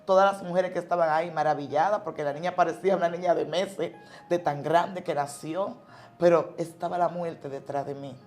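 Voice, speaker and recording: A woman's voice: fairly low pitch, steady tone, a little fast, a little mellow. A woman pastor from the tells a personal religious testimony, an emotional storyteller who repeats and restarts words.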